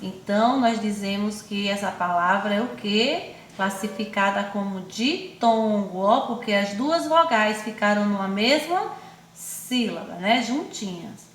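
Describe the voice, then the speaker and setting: A primary school teacher with a Brazilian accent runs an online class for young children, speaking affectionately, calling her pupils "my loves" and herself "auntie." Her mid-range voice is expressive and stretches words out slowly, syllable by syllable, in an echoey room with slight background noise.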